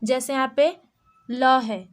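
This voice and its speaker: A young Indian woman teaching a class of small children, spelling out sounds slowly and repeating each word. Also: high-pitched, fairly even intonation.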